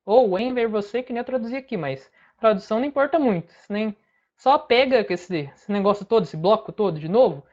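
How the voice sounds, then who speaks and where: A woman's voice: mid-range voice, animated, a little fast, darkish tone, muffled recording. A woman with a Brazilian Portuguese accent teaching an English lesson, patiently breaking phrases down word by word. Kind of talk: online language lesson.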